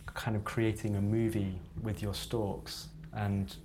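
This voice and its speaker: A man's voice: fairly low pitch, flat delivery, slow pace, darkish tone, a little hiss or hum. A man conducting a casual, conversational interview as the interviewer.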